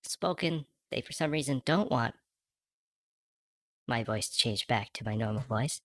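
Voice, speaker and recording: Man through a high chipmunk voice changer. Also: unhurried, no room sound. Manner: chatty, thanks viewers, giggly. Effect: pitch-shifting voice changer, high chipmunk-like voice. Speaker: streamer co-host. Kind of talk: casual chat while playing a game.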